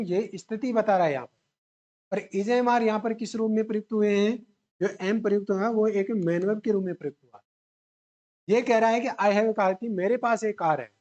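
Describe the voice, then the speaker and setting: A man's voice: high-pitched, darkish tone, dull audio. A male teacher explains grammar rules at a classroom whiteboard in an exam-prep lecture. He keeps posing questions and answering them himself, repeating each key term as he drills the class. He weaves English grammar words into his explanation. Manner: mixes English grammar terms into Hindi explanation.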